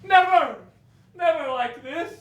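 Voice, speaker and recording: A woman's voice: very high voice, slow pace. Woman playing an urgent young lover. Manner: declamatory, urgent. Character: impatient young man in love, yearning. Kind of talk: stage play acting. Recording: echoey stage from far off.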